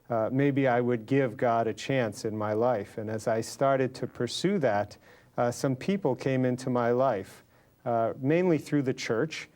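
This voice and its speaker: Here an interview guest, a lay businessman from Los Angeles, USA, recounts his own journey of faith. His American voice sits at a medium pitch with a somewhat dark tone.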